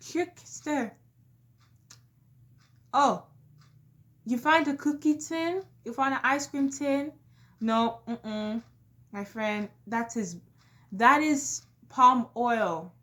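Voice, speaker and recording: A woman's voice: high-pitched, extremely slow, long pauses. A young woman vlogging in a casual, comedic way, speaking emphatically and talking straight to her viewers. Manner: emphatic, addresses viewers directly.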